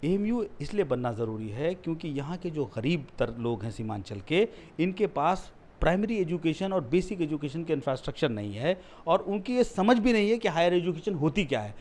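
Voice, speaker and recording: High-voiced man arguing forcefully. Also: very animated, fairly quick, slight background noise. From India. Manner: argues forcefully, rising loud when challenged. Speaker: political candidate. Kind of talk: heated political interview.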